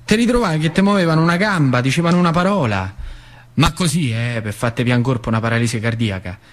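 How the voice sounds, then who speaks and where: Speaking quickly with lively intonation, a man with a mid-range voice close to his everyday one performs as an old working-class factory hand. His accent is central Italian from northern Lazio, and the stage monologue rambles through confiding memories with a wry edge.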